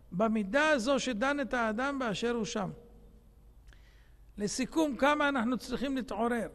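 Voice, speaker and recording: Israeli rabbi man preaching, rhetorical, goes from quiet to shouting, gravelly, long hall echo. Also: very high-pitched. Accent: Israeli Hebrew. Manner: rhetorical, repeats phrases, swings from quiet to shouting. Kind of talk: sermon. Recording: echoey hall with long reverb.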